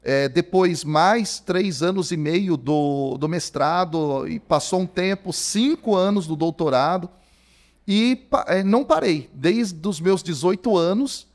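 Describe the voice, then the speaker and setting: A man around forty with a Brazilian Portuguese accent, a theology professor, tells his story as a podcast guest in a casual, animated way full of fillers like "cara." His voice is high-pitched and his delivery measured. The conversational interview takes place in a podcast studio on a studio microphone.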